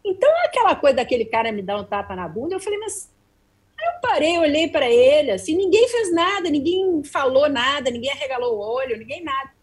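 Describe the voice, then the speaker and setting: A woman's voice: sits high, brisk. A middle-aged woman, a guest journalist telling stories in an interview, acting out the dialogue. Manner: animated, acts out quoted dialogue. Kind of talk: interview storytelling. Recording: slightly distant from the mic.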